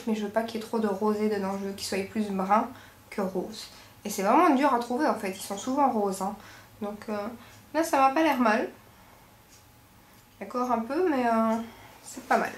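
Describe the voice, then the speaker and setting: Rambling Belgian French woman, echoey room. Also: on the high side. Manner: rambling, informal, self-correcting. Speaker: beauty vlogger. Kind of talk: casual shopping haul chat. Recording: echoey room with faint background noise.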